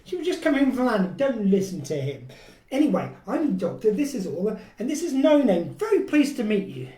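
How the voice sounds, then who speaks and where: A woman voicing a cheeky, fast-talking male time traveller who jokes breezily. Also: a little high, very animated, dark tone, far from the mic. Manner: breezy, joking, fast talk. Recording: echoey room, a little off-mic.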